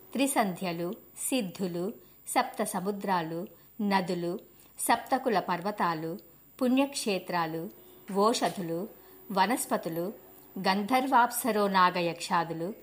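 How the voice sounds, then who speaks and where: A woman gives a slow devotional scripture narration. She recites long lists of sacred names and mantras in an even, measured way. Her voice sits at a middle pitch.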